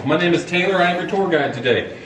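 A man speaks briskly as a tour guide, giving announcements to a group. His slightly high voice sits far from the mic in a cave echo. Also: lively intonation. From Colorado. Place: inside a cave. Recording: echoey cave, far from mic, noisy crowd.

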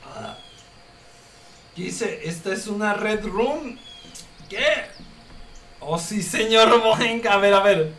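A man's voice: sits high, takes it slowly, long pauses, distant mic. A man streaming a game, crude and joking, a little tipsy. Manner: crude, joking, loud outbursts. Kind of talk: casual game streaming, translating game text aloud. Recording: echoey room with background noise, off-mic.

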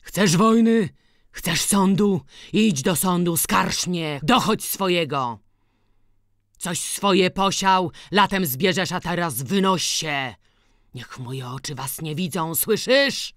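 Brief: woman playing gruff old farmer father, angry, shouting, village speech, storybook. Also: sits low, slow pace, hardly any pauses, dry recording, studio quality. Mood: furious shouting. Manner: shouting harsh orders in rural dialect. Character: old peasant farmer, furious, domineering father.

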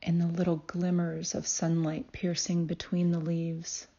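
In a slightly dull recording, a woman, a healer hosting a guided meditation, speaks very slowly and leaves long gaps between her phrases. Her tone is calm and soothing, her voice mellow, soft-edged, slightly rough, and pitched a bit low.

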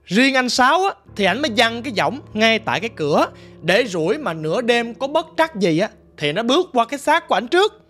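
A man's voice: extremely high pitch, very animated, fairly quick, bright, forceful tone, soft background music. A man narrating a ghost story in a conversational, colloquial way.

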